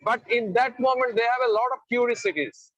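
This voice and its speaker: High-pitched man on a dry call. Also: fairly quick, fairly bright tone, no room sound, lo-fi sound. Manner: earnest, advising tone, tells an example story. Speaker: educator panelist. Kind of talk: discussion on a video call. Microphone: video call.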